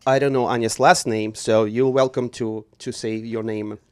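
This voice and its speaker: Hesitant radio host. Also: male voice, medium pitch, fairly even intonation, moderate pace, a little mellow, dry recording. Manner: hesitant, many fillers, formal introductions. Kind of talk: live radio hosting. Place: small radio studio.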